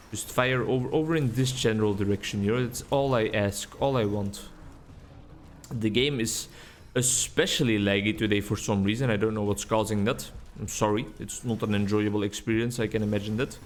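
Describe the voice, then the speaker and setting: Here a native Dutch speaker from the Netherlands, a gaming YouTuber, chats his way through gameplay in English at a desk mic, rambling and poking fun at himself. The voice is fairly low, with slight background noise.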